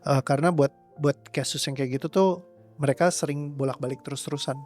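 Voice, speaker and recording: A young man talks through his coaching work in a loose, rambling way, dropping English words as he goes. His voice sits at an average pitch. Soft background music plays beneath him. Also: fast talker. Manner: relaxed, rambling, mixes English words into speech. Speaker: trauma release coach. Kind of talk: casual interview answers.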